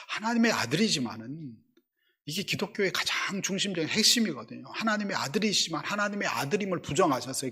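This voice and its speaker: Husky-voiced man preaching a sermon. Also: on the high side. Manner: storytelling with acted-out quotes, swinging between loud emphasis and hushed asides. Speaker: senior pastor.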